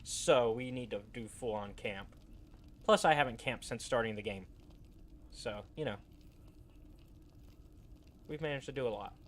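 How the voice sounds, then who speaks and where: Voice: mid-range voice, measured pace, pauses often. A game player giving casual, rambling commentary and recapping the story informally. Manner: rambling, acts out quotes informally.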